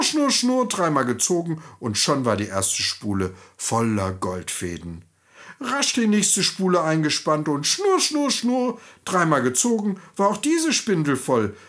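A man reading a fairy tale aloud to children in an expressive storytelling manner. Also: medium pitch.

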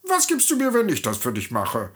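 A man voicing a tiny, wheedling male goblin who bargains for gold with a high, fluting voice. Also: huge pitch swings, fairly quick, a bit bright.

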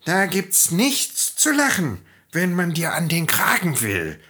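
A grumpy old cat from a storybook, hissing out her complaints in a sulky, whining voice, as a man puts her on. Pitched far above a man's normal range, with a thin, unusual timbre and a husky touch. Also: wildly swooping pitch, slow, pushed and bright, full character voice. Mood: grumbling. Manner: hissy, sulky, whiny.

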